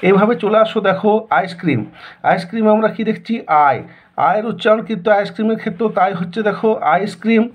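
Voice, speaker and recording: A man's voice: sits high, muffled recording. A man with a Bengali accent teaching a school lesson, asking questions and answering them himself in a repetitive way. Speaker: English teacher. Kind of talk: classroom lesson explanation.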